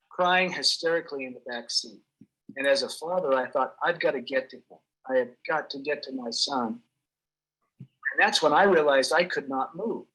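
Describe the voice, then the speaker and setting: A man giving an earnest, halting personal testimony as an accident survivor, often restarting his sentences. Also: fairly high pitch, sharp tone, rough recording.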